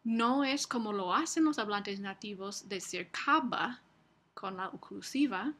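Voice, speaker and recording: A woman university lecturer giving a recorded lecture, explaining slowly with frequent fillers and restarts. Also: mid-range voice, fairly bright tone.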